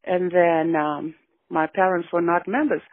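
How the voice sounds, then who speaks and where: A woman in her sixties from Fiji, reminiscing in a relaxed radio interview, often adding yeah as she goes. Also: on the low side, unhurried, no echo. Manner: warm, reflective storytelling with frequent yeahs. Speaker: guest. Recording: dry phone-like radio line.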